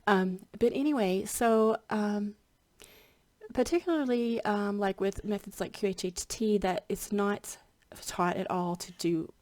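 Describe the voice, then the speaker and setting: A spiritual hypnotherapy practitioner chats casually to camera for her viewers, her medium-pitched, darkish voice moving at a measured pace. She sounds a little congested and slightly scratchy, and she rambles with many ums and restarts.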